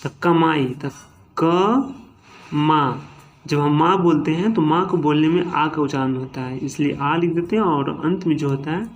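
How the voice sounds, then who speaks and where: The recording is muffled with a little hiss or hum; the man's voice is slightly high, steady in tone, at a moderate pace with hardly any pauses. His repetitive grammar lesson dissects words syllable by syllable, punctuated by frequent "ठीक है" and "है ना" check-ins.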